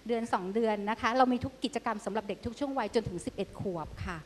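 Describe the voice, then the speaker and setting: A woman co-hosting, briskly explaining a children's program. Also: on the high side, a little hiss or hum. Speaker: volunteer co-host.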